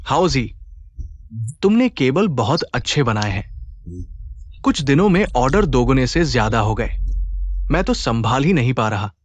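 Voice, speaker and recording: A man's voice: mid-range voice, sing-song, a little slow, pauses often, no echo. A man dubbing a fatherly, persuasive middle-aged shopkeeper in a drama. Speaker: uncle figure and business partner. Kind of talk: dubbed drama acting.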